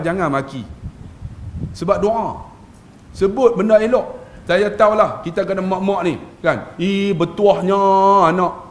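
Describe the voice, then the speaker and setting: A middle-aged man with a northern Malaysian Malay accent, preaching in a humorous storytelling style with sudden high outbursts, often turning to address the crowd. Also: a little hiss or hum. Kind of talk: humorous religious talk.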